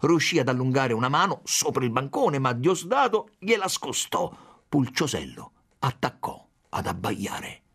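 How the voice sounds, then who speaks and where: A man narrates an audiobook with a dramatic, expressive delivery. His voice has a husky grain and moves through a wide, animated range of pitch. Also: unhurried.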